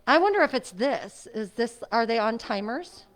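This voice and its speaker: A middle-aged fitness instructor chats casually before class in a seniors' center exercise room, her voice muffled by a face mask. She speaks on the high side at a normal pace, sounding animated. She's chatty and friendly and laughs often.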